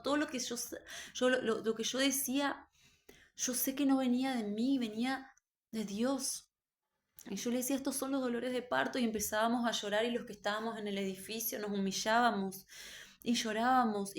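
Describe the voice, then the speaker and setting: A woman giving an earnest, emotional religious testimony about a vision, told slowly. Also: fairly high pitch. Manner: earnest, slow, emotional storytelling. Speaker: believer recounting a vision.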